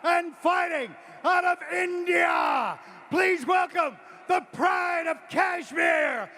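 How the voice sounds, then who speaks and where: A man announcing fighters in a loud, drawn-out ring announcer's delivery in a fight arena. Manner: booming, drawn-out shouted announcing. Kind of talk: fight introductions. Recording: arena with crowd and noise.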